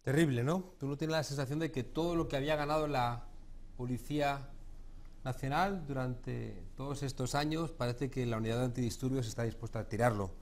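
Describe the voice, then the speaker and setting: Spanish TV debate host, measured. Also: male voice, mid-range voice, fairly even intonation, a little mellow. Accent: Peninsular Spanish. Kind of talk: studio debate hosting.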